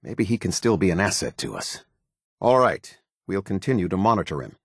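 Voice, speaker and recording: Heavily acted, a voice actor plays a stern, demanding middle-aged American captain giving clipped, authoritative orders in a low, husky voice. Fairly quick and swinging widely in pitch, he sounds disbelieving and cold. It's scripted military commander dialogue for a game, recorded close and dry.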